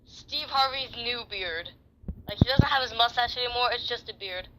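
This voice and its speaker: A man's voice: very high-pitched, moderate pace, noisy background. A young man co-hosting a casual podcast, talking in an offhand, joking way. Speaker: podcast co-host. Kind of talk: casual chat.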